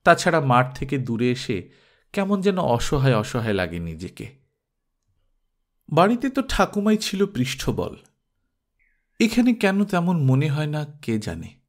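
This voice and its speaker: Man, audiobook narrator, novel reading, expressive storytelling, slightly high voice, very lively intonation. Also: a little slow, pauses often. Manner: animated storytelling, shifting pitch for quoted children.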